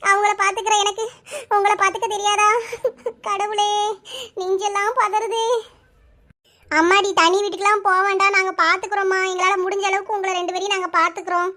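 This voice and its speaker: Lady doing a very high-voiced cartoon village mom, fussing and outraged for the girl. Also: bright, forceful tone. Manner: sympathetic, indignant, fussing. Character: caring older-sister village woman, mother of two. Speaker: elder sister figure. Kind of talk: cartoon voice acting.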